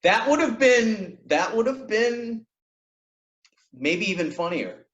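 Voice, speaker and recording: A man's voice: high-pitched, lively intonation, slow, fairly bright tone, highs cut off. A man hosting a podcast, adding wry, joking comments in casual chat. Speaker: podcast host.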